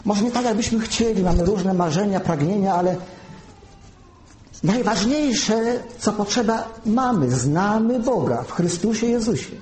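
A man delivers a careful teaching sermon, pausing to spell out each term. His voice sits a little high but sounds mellow and warm. The room around him is echoey, with a faint hum of ambience. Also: lively intonation. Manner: measured teaching, spells out terms slowly. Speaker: preacher.

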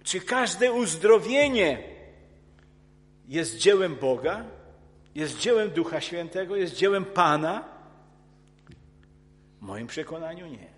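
A man preaching a sermon in an earnest, emphatic way, often restarting his words and rising into forceful outbursts. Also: fairly high pitch, very animated, slow pace, pauses often. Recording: long hall reverb.

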